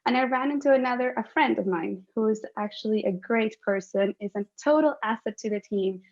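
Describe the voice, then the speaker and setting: A woman's voice: on the high side, a little fast, darkish tone. Upbeat woman on a lo-fi call. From Chile. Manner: upbeat, laughs often. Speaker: guest, lawyer turned space volunteer. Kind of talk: casual interview answer. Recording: muffled lo-fi call audio.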